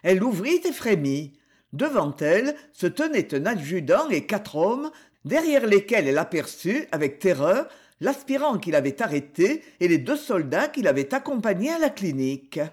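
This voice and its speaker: Woman reading an audiobook, expressive, pitch goes up and down a lot. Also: normal speed, breathy edge. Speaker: audiobook narrator. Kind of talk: audiobook narration.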